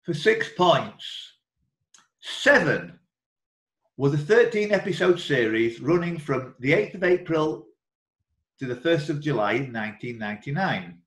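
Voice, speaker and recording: Reading out questions as host of a live quiz, this man speaks from an indoor room on an online group call. He's very animated, with a higher-leaning, fairly bright voice and a measured pace, and the audio has the echoey, roomy quality of an online call.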